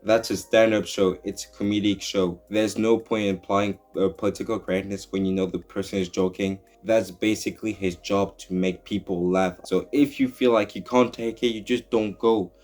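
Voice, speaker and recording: Low-voiced young man giving opinions. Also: fairly even intonation, normal speed, hardly any pauses, a little mellow, soft background music. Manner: earnest, opinionated, rambling with restarts. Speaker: YouTuber. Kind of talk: opinion commentary vlog.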